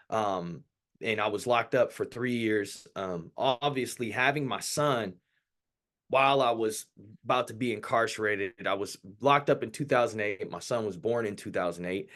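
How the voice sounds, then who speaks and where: A man's voice: mid-range voice, a bit bright. Candid man telling his life story. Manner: candid, loose storytelling with many fillers and restarts. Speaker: workshop speaker. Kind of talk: personal story in a workshop talk.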